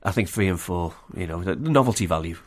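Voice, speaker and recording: A man's voice: sits low, animated, fast. A man with a Liverpool accent chatting informally as an interview guest, peppering his talk with 'you know'. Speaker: interview guest, film fan and exhibitor. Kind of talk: casual chat.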